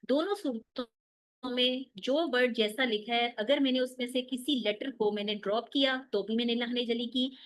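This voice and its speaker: A woman's voice: a little high, moderate pace. Woman teaching Quran recitation rules. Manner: explains step by step, asks and answers her own questions. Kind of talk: online tajweed lesson.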